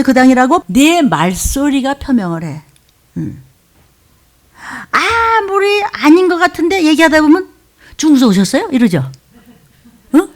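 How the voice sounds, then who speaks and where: A woman's fairly high voice preaches a sermon with a Jeolla-tinged lilt. She presses her points hard, then drops to quiet, almost whispered asides. Her talk is urgent and direct with the congregation. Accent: Korean with Jeolla dialect touches. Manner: emphatic, swings between loud exhortation and hushed asides.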